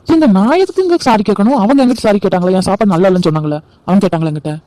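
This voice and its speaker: A man doing a sharp-tongued young wife. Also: sits high, rapid-fire, dry recording, lightly acted. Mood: defensive. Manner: scornful, defensive. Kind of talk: amateur cartoon voice acting.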